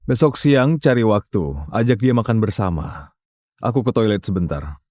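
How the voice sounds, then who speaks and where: A man voicing a wealthy, controlling husband who talks briskly and gives orders in a dubbed drama. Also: on the low side, expressive, a little mellow, no room sound, clean studio sound, lightly acted. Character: smooth, controlling rich husband, quick to irritation.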